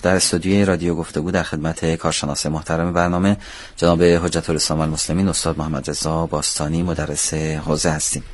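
A man hosting a religious radio programme in a formal, reverent and courteous way, speaking in a studio. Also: sits low. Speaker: radio host.

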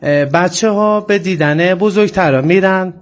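High-pitched man with an Isfahani accent. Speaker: interview guest. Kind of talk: radio interview conversation.

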